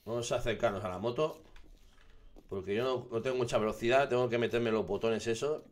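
A young man from giving casual, excitable commentary over his survival gameplay, swearing and shouting when something startles him. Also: medium pitch, brisk. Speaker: gaming streamer.

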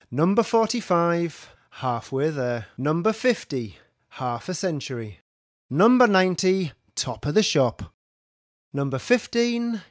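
A man's voice: fairly high pitch, dry recording, clean studio sound. A man calling bingo numbers, each one followed by its traditional rhyme in a sing-song manner. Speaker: bingo caller.

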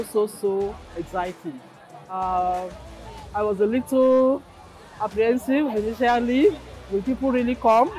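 Middle-aged woman, Nigerian accent, dean, measured pace with fillers, faint music behind. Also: medium pitch, rough recording. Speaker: faculty dean. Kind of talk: on-camera interview. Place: outdoor market on campus.

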